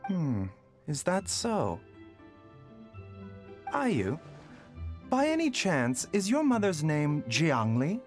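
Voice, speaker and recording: A man voicing a gentle, composed doctor in a video game, speaking with polite, soothing formality. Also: a little high, huge pitch swings, slow, long pauses, exaggerated voice. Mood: courteous. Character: gentle, courteous young doctor, composed and soft-spoken. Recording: game music behind the voice.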